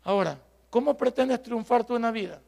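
A man preaching a sermon, acting out the voices in his stories and rising to shouts. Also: very high voice, fairly quick, creaky, long reverb tail. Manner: storytelling preacher, acts out dialogue, rises to shouts. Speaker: pastor.

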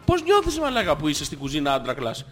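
A man's voice: fairly high pitch, wildly swooping pitch, faint music behind. A man co-hosting a podcast in casual comedic banter, giggling and needling his friend with questions. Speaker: podcast co-host.

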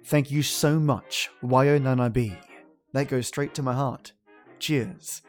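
Delivering his podcast's scripted introduction slowly and theatrically, a man relishes each phrase. His voice is medium-pitched and steady, and music plays underneath.

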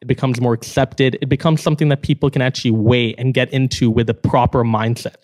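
A man's voice: mid-range voice, level tone, fast, a little mellow. A young man from Canada with a Canadian accent, chatting energetically as a podcast guest and laughing often. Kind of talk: casual podcast chat.

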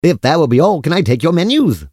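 A man's voice: fairly high pitch, sing-song, fast, darkish tone, no echo, clean studio sound. A man playing an obliging, formal restaurant waiter with polite, eager service patter in a comic audio drama. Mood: eager to please.

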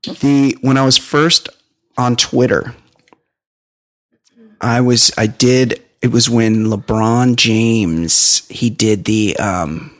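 A man hosting a casual comedic chat, rambling and halting as he repeats himself. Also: mid-range voice, steady tone. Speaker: talk show host.

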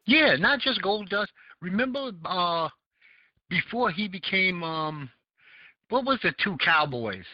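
Slow and animated, with a voice that sits high, a Southern American man hosts a casual call-in podcast, rambling and fumbling for words with frequent fillers. The recording has no room sound and is dull lo-fi.

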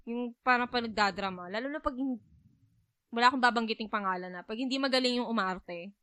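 A woman with a Filipino accent hosting a casual film chat, relaxed and often agreeing. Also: a little high, fairly quick, clean tone, no room sound. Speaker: host.

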